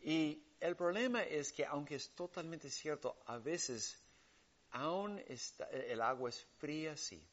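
Guy preaching a sermon, gets loud then goes quiet, kinda muffled lo-fi recording. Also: lively intonation, slow pace. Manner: emphatic preaching that swings between loud stresses and hushed lows.

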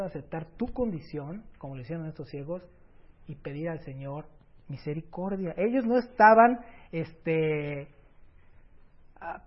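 A man preaching a sermon, swinging between loud emphatic lines and soft, near-whispered words. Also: sits high. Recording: dull lo-fi recording.

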